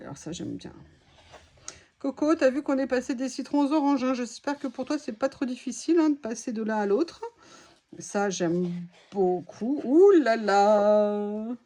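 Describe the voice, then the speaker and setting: A woman's voice: high-pitched, mellow. A woman vlogger chatting casually through a craft haul, exclaiming as she reacts to each item.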